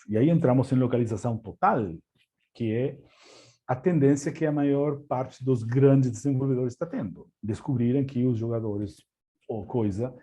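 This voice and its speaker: Argentine guy giving a webinar over a call, warm dark tone, lots of uh and repeats. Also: medium pitch. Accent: Argentine Spanish. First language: Spanish. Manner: hesitant, many fillers and repeated words. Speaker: webinar speaker. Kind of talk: presentation.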